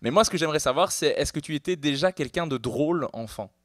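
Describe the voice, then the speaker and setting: A man's voice: a little high, expressive, fast, no room sound. Male interviewer host, upbeat and easy laugh, dry close mic. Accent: French-speaking. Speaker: podcast host. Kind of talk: casual live podcast interview. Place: live podcast taping before an audience.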